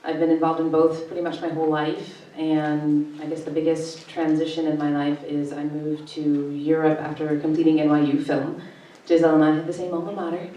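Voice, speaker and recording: A woman in her forties speaking on an art panel, presenting her film work over slides in a relaxed, conversational way. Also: low voice, a little fast, dull audio. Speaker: panelist, filmmaker and festival director. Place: art gallery. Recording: echoey gallery room from far off.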